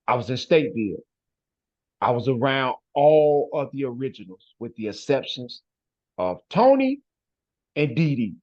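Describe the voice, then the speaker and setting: A man's voice: medium pitch, very animated, normal speed, long pauses, a little mellow. Emphatic man, dull lo-fi sound. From west side of Chicago. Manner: emphatic, ends phrases with "man" and "bro". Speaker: guest. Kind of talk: casual interview talk.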